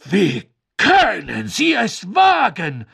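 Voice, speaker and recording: A man voicing a towering, proud headmistress, shrill and indignant. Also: sing-song, slow pace, vocal fry, sharp tone, full character voice. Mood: outraged. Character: towering proud French headmistress, haughty and icy.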